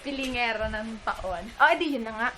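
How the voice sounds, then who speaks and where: High-voiced chatty young Filipina mom vlogger. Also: female voice, a little fast, sharp tone. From Philippines. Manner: chatty, giggly, rambling. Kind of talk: casual storytelling vlog. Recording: noisy room ambience.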